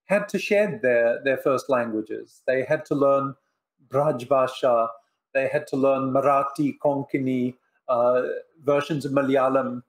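An older professor and author, Polish by first language, answers interview questions over a webcam video call from his living room, with bookshelves behind him. His mid-range voice is measured and reflective, broken by many pauses.

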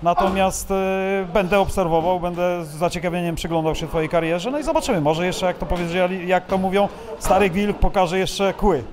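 A man interviews someone in a friendly, loose way, pausing on fillers as he asks. His voice is fairly high for a man, and a loud crowd training in the indoor gym fills the background. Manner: friendly, with fillers while asking. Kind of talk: casual interview questions. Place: busy indoor fight gym during training. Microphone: handheld mic. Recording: noisy gym crowd around. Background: crowd of people training.

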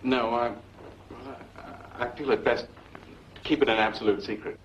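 An actor playing a middle-aged doctor, earnest, precise and formal, in a 1950s film. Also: male voice, mid-range voice, steady tone, a little slow, slight background noise, natural voice. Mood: grave, concerned. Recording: muffled old 1950s film soundtrack.

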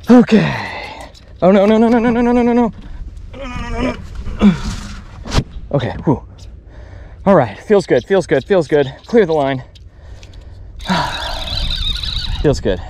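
This fly fishing vlogger has a high voice and takes it slowly, leaving long pauses, though he's excitable, chatty, and self-deprecating as he narrates on camera. He's fishing from a small open boat outdoors on the water. An action camera on the boat records him, with slight background noise.

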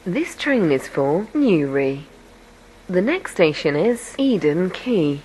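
A woman's voice: lowish voice, very animated, slow pace, poor audio. A woman's recorded voice making automated onboard train announcements in polite, formal announcer phrasing. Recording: loud hiss with clicks.

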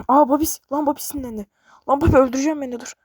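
A woman giving excited gameplay commentary, chatty and talking straight to her viewers, recorded on a bassy microphone. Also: rapid-fire, no room sound, studio quality. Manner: excitable, frequently yelling to her game companion; chatty, addresses viewers directly. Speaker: gaming video creator.

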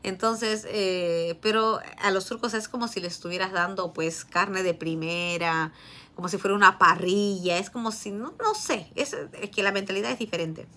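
A woman's voice: mid-range voice, normal speed, pushed and bright. A woman in her thirties with a Peruvian Spanish accent, telling a family story in a chatty vlog, often laughing and full of fillers. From Peru. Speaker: vlogger. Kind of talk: casual storytelling.

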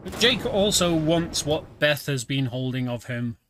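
With a slightly high, expressive voice and a measured pace, a British man streams a video game and offers laid-back let's-play commentary. He explains what's happening with plenty of filler words while the game's music plays clearly in the background.

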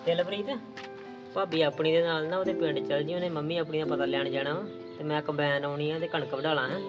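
A man's voice: fairly high pitch, little pitch movement, fast, highs cut off, music in the background, close to an everyday voice. A man playing an easygoing farmer husband and son in a Punjabi village drama, placating his quarrelling family.

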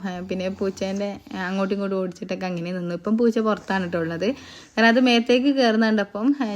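A woman's voice: mid-range voice, darkish tone. A young woman from Kerala, chatting through a casual voice-over of her day and tagging her sentences with a friendly "tto". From Wayanad, Kerala. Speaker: vlogger.

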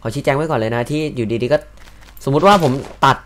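A young man casually commenting while he plays a block-building game, chatty and joking, with loud exclamations. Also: medium pitch, fast talker, a little hiss or hum. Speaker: gaming video host.

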